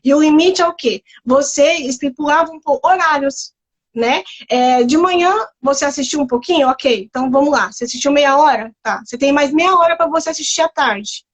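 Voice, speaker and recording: A woman's voice: high voice, fairly quick. A woman, a therapist guest, explains parenting at length in a casual interview, full of fillers and home examples.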